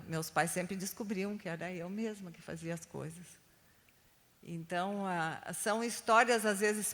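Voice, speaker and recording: An older woman with a mid-range, fairly bright voice trains Sunday school teachers, teaching the class through storytelling. She's chatty, checks in with her listeners often, and keeps adding "né?" tags, all in a big-room sound.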